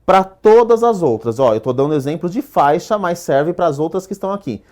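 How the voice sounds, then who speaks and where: A man with a Brazilian Portuguese accent teaching a recorded exam-prep lesson. He stresses each rule slowly and keeps checking in with "perfeito?". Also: fairly high pitch, animated, darkish tone. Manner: drills rules with rhetorical questions, asks "perfeito?" often; slow, stressed delivery when stating rules.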